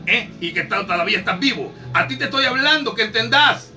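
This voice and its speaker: A man's voice: very high-pitched, lively intonation, fast, sharp tone. A man preaching a fervent sermon with speech, scolding and rhetorical, full of fillers and repeated questions. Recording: distant mic with faint music.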